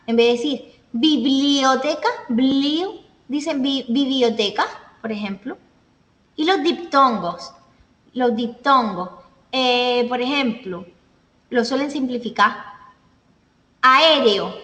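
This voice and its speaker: High-voiced woman lecturing in echoey classroom. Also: slow pace, pauses often, fairly bright tone. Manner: explains step by step with examples and checks with listeners. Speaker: teacher. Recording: echoey room, voice from a distance.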